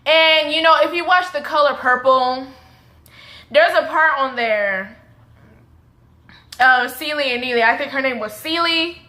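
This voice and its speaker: Speaking in a high, sharp voice at a measured pace with frequent pauses, this twenty-something woman recounts a story to her camera. She's a vlogger with a suburban Texas accent from around Dallas, and her chatty telling wanders and keeps self-correcting.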